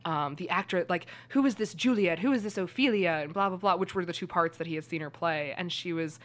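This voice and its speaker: A woman's voice: on the low side, brisk. A woman co-hosting a podcast, rambling through a story with fillers and laughter in casual chat. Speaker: podcast co-host.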